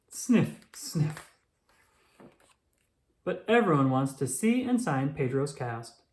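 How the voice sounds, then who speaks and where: A narrator reading a children's storybook aloud in a deliberate way for young listeners. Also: mid-range voice. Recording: roomy echo.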